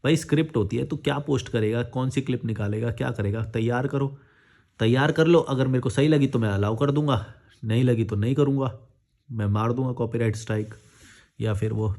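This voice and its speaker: A man's voice: mid-range voice, fairly quick, darkish tone. A man casually reading out and answering viewer comments, blunt and scolding, mixing English words into his talk. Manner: blunt, scolding, speaks his mind frankly.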